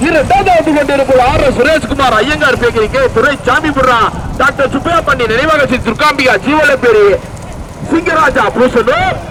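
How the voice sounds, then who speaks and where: A man's voice: very high voice, expressive, moderate pace. A man calls a bullock cart race through a megaphone, urgently repeating short calls and warnings. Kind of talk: live race commentary. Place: outdoors on a road, moving vehicles around. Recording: noisy outdoor roadside, vehicles and crowd.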